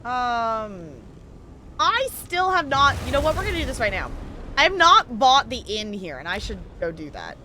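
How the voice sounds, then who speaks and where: While live-streaming a game, a woman talks to her viewers in a casual, animated way and narrates the gameplay. She speaks at normal speed in a sharp, sing-song voice on the high side, and there's a little hiss or hum.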